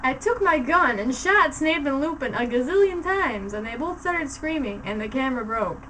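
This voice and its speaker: High-voiced woman, hammy dramatic reader. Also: expressive, normal speed, sharp tone, far from the mic, low-quality recording. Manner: hammy, theatrical, with mocking asides. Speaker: story reader. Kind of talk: dramatic reading of fan fiction. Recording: off-mic, faint background noise.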